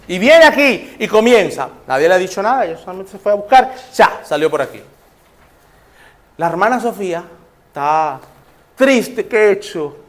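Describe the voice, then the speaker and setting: A man's voice: sits high, very animated, moderate pace, long pauses. A male pastor with a Nicaraguan accent preaching conversationally, acting out little scenes. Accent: Nicaraguan Spanish. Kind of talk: sermon.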